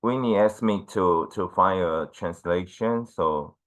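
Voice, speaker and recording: A man, a Mandarin speaker, presenting informally and haltingly on an online call. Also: low-pitched, a bit bright. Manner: hesitant, halting English. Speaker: guest team leader speaker.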